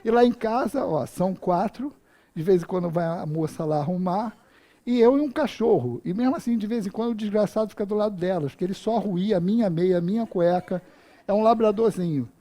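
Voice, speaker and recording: At a spiritist center, a man in his fifties gives a relaxed, funny talk built on personal stories, acting out his own movements. His voice is high-pitched and dark-toned, and he talks fairly quickly.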